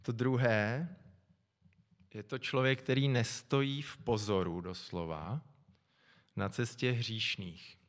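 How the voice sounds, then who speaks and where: A middle-aged man preaching a sermon, calm and reflective, often pausing to think aloud. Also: medium pitch. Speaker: pastor. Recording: long echo from a large hall.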